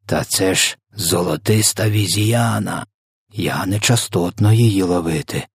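A man voicing a huge, kindly old male giant in a storybook reading, mangling his words and lurching between hushed whispers and shrill wails. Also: unhurried, slightly rough, no room sound, studio quality, heavily acted. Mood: hushed awe. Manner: garbled grammar and made-up words, swings from hushed whisper to shrill wailing. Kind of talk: audiobook character voice.

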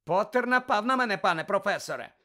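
A man's voice: sits high, moderate pace, fairly bright tone. A man voicing a spoiled, mocking teenage boy wizard who taunts others, in an audiobook. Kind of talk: audiobook character voice.

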